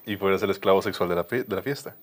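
A man's voice: deep voice, very fast, a loud crowd. A man with a Costa Rican accent making wry, casual interjections, with faint noise in the background. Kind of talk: casual banter.

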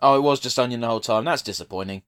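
A man's voice: mid-range voice, rapid-fire, a bit bright, clean tone. A man giving casual, blunt, sweary commentary as a podcast co-host. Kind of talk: casual watch-along commentary.

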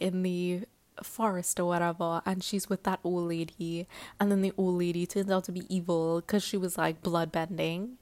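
A woman hosting a casual solo podcast, rambling and giggly, with lots of fillers. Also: on the low side. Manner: rambling and chatty, heavy with fillers; giggly and excitable. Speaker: podcast host.

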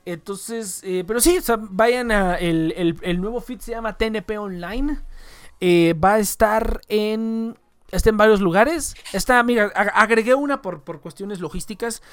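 A man's voice: sits high, a little slow, clear, resonant tone. A man hosting a podcast in casual, profane, joking banter. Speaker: podcast host. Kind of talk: casual chat.

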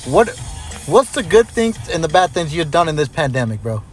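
A man's voice: a little high, very animated, normal speed, a little mellow, faint music behind. A man in his twenties co-hosting a podcast, trading crude jokes and banter in casual chat. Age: 20s. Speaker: podcast co-host.

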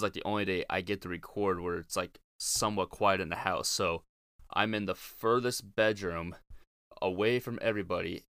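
Male podcaster, lowish smooth voice, informal and blunt, opinionated solo talk, dry closet sound. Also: fairly bright tone, no room sound. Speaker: podcast host. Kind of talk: casual opinionated podcast monologue. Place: small closet in a home bedroom.

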